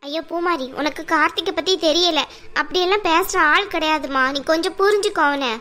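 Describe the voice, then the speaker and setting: A woman's voice: very high-pitched, a little fast, bright, forceful tone. A woman voicing a kind but stern mother-in-law in a cartoon, firm and soothing by turns. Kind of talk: cartoon voice acting.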